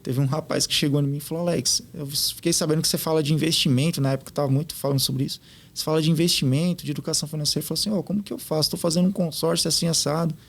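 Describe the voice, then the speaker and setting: A man, a podcast guest telling stories in an animated way and acting out what others said. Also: fairly high pitch, racing, gravelly. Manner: animated, quotes others in lively retellings. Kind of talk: casual storytelling interview.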